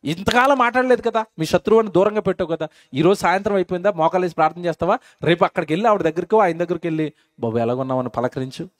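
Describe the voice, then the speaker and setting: A man's voice: high-pitched, rapid-fire. A male preacher, delivering a sermon to a congregation. He keeps asking the listeners questions and answering them himself, and he repeats phrases for emphasis.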